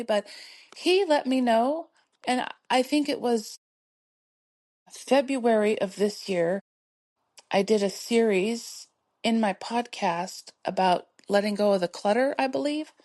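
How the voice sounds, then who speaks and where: This podcast host, a middle-aged woman, has a somewhat high voice with a darkish tone. Her solo motivational talk is gentle and encouraging, full of laughter as she pushes listeners to persevere.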